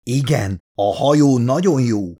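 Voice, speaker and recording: A man's voice: dark tone, close to an everyday voice. A man voicing an angry, jittery male geologist, ranting in a raised, strained voice. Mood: sarcastic. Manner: agitated ranting, higher strained voice. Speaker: audiobook narrator voicing a character.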